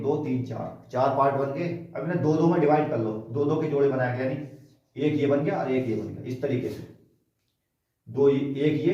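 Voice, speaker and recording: A man's voice: on the high side, dark tone, lo-fi sound. A man with a North Indian Hindi accent teaching a math class, explaining each step with questions to his students and bragging about his teaching. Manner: step-by-step explaining with rhetorical questions, boastful asides. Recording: very echoey room, voice from far off the mic.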